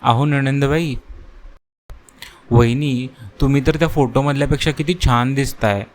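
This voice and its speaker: A man's voice: mid-range voice, steady tone, moderate pace, a little hiss or hum, close to an everyday voice. A man voicing a young, sly sister-in-law in a cartoon story, speaking in a sugary, coaxing way.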